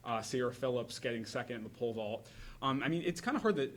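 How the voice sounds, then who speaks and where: A male sports reporter on a local radio show, rattling off results at a quick clip. His talk is casual and loose, full of fillers. The pitch is mid-range for a man. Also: lively intonation, rough recording. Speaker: high school sports reporter. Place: radio studio.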